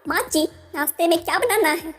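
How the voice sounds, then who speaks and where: A woman voicing a young newlywed daughter-in-law, polite and quietly sly, asking one question after another. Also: very high voice, fairly quick. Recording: soft music underneath.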